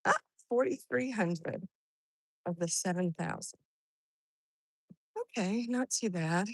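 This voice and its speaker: A woman with a notably creaky, slightly low voice talks to her livestream followers while out on an exercise walk. She rambles and thinks aloud in an unhurried, casual way. The sound is dry and close. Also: a little mellow, dry recording. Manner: talking while out walking for exercise. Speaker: livestreamer greeting and answering viewers. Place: outdoors on a walk in hot weather.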